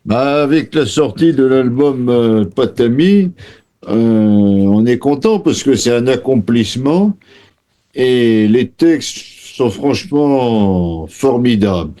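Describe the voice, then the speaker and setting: A man with an Auvergnat accent, a band member answering in a radio interview, earnest and halting with many fillers. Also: medium pitch, lively intonation, mellow.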